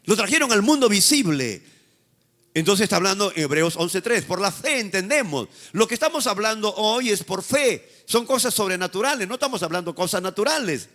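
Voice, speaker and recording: A man's voice: high-pitched, expressive, a little fast, fairly bright tone. A male pastor with a Peruvian Spanish accent preaching a sermon to a live congregation, calling on the people to repeat his words after him and teasing them as he exhorts them. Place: church service with a live congregation.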